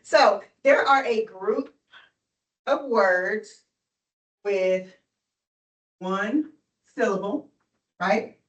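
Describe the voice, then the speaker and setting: A woman's voice: medium pitch, drawn-out words, long pauses, echoey room, recorded from a distance, muffled recording. A woman tutoring a student in phonics, patient and encouraging, often checking in with "right?". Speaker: reading tutor. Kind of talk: one-on-one phonics lesson.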